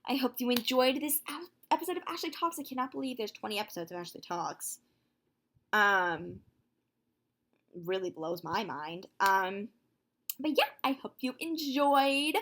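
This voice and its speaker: Young woman, nineteen, casual vlog chat, excitable, lots of um and like. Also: on the high side. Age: young adult, nineteen. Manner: chatty, full of 'like' and 'um' fillers; excitable, quick to gasp and exclaim. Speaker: vlogger.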